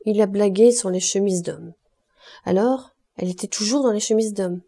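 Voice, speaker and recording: A woman reading a classic novel aloud in steady, measured narration. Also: mid-range voice. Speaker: audiobook reader. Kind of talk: scripted literary narration.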